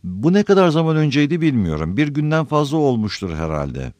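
A man's voice: mid-range voice, sing-song, a little fast, a little mellow, dry recording, pitched above the performer's own voice, close to an everyday voice. A man voicing a devoted, earnest male hobbit servant in an audiobook reading. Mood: urgent. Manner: earnest, emotional.

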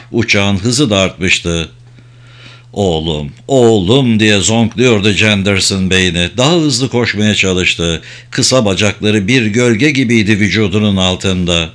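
A man reading an audiobook aloud, narrating in a measured, dramatic way. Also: lowish voice, fairly bright tone.

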